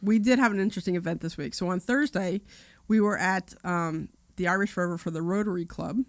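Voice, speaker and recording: A woman co-hosting a radio talk show. She tells stories in a chatty, lively way. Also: on the low side, fairly quick, no room sound. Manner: chatty storyteller, lively when retelling events. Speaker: radio co-host. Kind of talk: casual radio chat.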